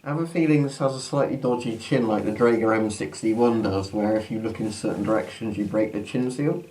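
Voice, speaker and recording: Man, lowish voice, muffled through gas mask, casual demonstration, faint background noise. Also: fairly quick, dark tone. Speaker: presenter testing military gas masks. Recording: noisy amateur recording with background noise.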